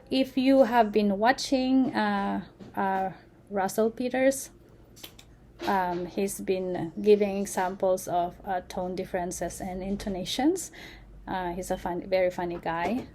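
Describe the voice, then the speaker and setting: A woman giving an unscripted lecture, halting often with fillers and restarts. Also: mid-range voice, warm tone, a little hiss or hum. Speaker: presenter.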